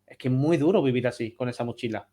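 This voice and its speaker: A man's voice: mid-range voice, fast talker, mellow. A man from Spain with a Spanish accent, a therapist speaking passionately and emphatically as a guest on a remote interview. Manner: passionate, emphatic, repeats phrases.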